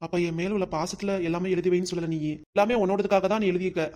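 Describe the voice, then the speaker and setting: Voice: mid-range voice, fairly even intonation, racing, heavy background noise, close to an everyday voice. A performer voicing a wronged, hot-tempered young husband in a cartoon comedy, with a southern Tamil Nadu accent and a demanding, quarrelsome manner. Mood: aggrieved. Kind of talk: cartoon comedy sketch acting.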